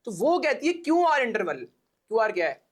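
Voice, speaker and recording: A man's voice: extremely high pitch, big pitch swings, moderate pace. Man giving a casual biology lecture. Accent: Pakistani. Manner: explains step by step, repeats key points, checks understanding.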